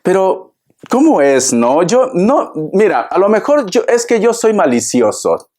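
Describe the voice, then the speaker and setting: A man with a fairly high voice gives a tarot reading, talking straight to his viewer. His delivery is theatrical and chatty, and he keeps calling the listener darling as he goes. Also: very animated, unhurried, a little mellow. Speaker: tarot reader.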